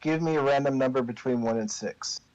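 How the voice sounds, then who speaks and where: A man narrating a tabletop game as game master, improvising the story in a deliberate, pausing way. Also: medium pitch, darkish tone, dry recording, lo-fi sound.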